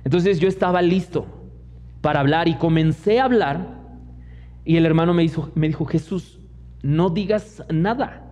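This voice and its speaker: A man's voice: a little high, normal speed, long pauses, darkish tone. A young man with a Mexican accent preaching a sermon as pastor, telling personal stories and acting out the voices of the people in them. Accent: Mexican Spanish. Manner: storytelling preacher who mimics others in quoted asides. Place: church hall. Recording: long church hall reverb, dull lo-fi sound.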